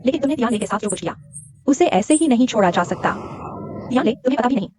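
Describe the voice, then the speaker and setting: A woman's voice: fairly high pitch, expressive, racing, darkish tone, lightly acted. A woman dubbing a spiteful young female rival in a drama, taunting and mocking in her lines. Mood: gloating. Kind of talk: Hindi dubbed TV drama. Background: drama score music.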